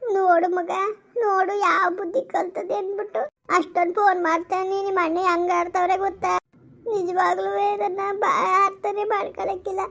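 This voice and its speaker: A woman voicing a tearful, hurt pregnant young wife in an animated story, speaking in plaintive complaints. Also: extremely high pitch, moderate pace, gravelly, exaggerated voice. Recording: lo-fi, dull voice-over.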